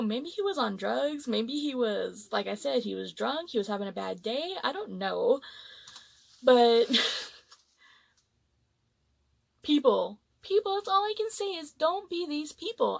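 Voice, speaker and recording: A woman's voice: sits high, gravelly, dry recording. A woman vlogger telling a story in a casual, chatty way, full of "like" fillers. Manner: chatty, many "like" fillers, animated retelling.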